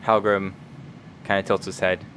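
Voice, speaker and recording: A man's voice: low voice, level tone, moderate pace, fairly bright tone, slight background noise. A man working as game master, narrating scenes in a tabletop role-playing game.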